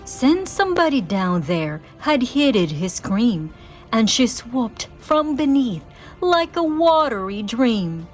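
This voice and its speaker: Woman, children's storyteller, theatrical, unhurried pace, lively melodic range, rhyming read-aloud. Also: on the high side, faint music behind. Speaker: storybook reader.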